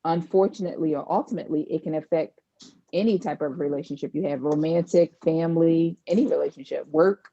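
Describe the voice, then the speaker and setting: A woman therapist giving advice in a podcast conversation, talking in a measured, explanatory way. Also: low-pitched, dark tone. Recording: dull lo-fi sound.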